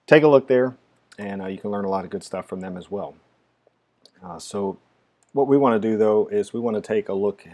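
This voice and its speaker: A tech tutorial presenter with a very deep voice walks through a hardware and software setup in a screen recording. He speaks casually and haltingly, filling his step-by-step explanations with fillers. Faint keyboard typing and mouse clicks can be heard behind him.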